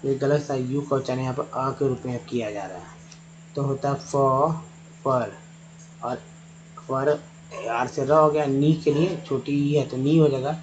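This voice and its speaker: A man's voice: mid-range voice, steady tone, normal speed, darkish tone, dull audio, a little hiss or hum. A man teaching English pronunciation, patiently spelling out words letter by letter and repeating each sound. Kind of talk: Hindi-language phonics lesson at a board.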